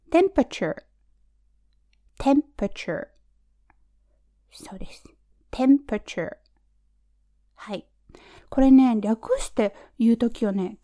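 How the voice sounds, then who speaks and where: A young woman nurse in her twenties giving a casual vocabulary lesson, chatty and relaxed, repeating terms slowly and letting phrase ends trail off softly. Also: a little high. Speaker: nurse teaching medical English.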